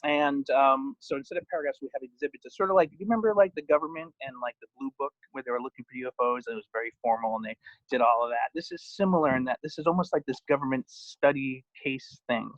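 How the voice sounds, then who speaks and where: A man with a mid-range voice reads his own poems and stories at home, talking fast and dropping in informal asides. He is a poet and author, and the recording has no echo but sounds dull, muffled and lo-fi.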